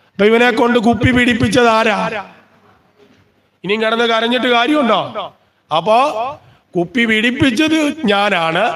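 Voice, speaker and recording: A man giving a devotional scripture discourse at a temple, often asking the listeners questions and then answering them himself. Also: high-pitched. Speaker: religious discourse speaker. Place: temple gathering.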